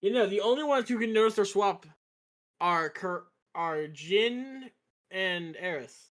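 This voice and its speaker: A man's voice: high voice, animated, measured pace, a bit bright. A man acting as game master of a casual tabletop game, laughing often and stumbling over restarts.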